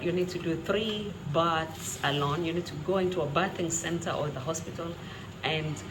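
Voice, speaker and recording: A Kenyan woman in her thirties vlogs casually to camera in a quiet home, laughing often and speaking with a Kenyan accent. Her voice is deep, and there is some background noise.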